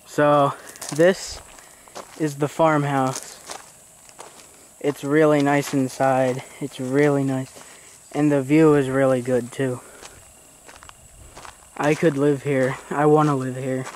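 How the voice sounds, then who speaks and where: A young man filming a casual tour of a rented farmhouse, talking in a relaxed, plain, slightly halting way. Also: mid-range voice, a little hiss or hum. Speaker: family member filming a house tour. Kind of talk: casual handheld house tour. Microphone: handheld camera.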